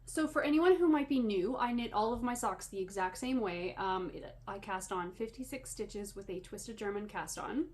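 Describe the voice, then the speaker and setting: Casually hosting her podcast, a yarn dyer from Canada talks at a moderate pace with hardly any pauses in a mid-range, somewhat mellow voice. Slight wheeziness and breathlessness mark her rambling, self-mocking asides, with clear room noise behind.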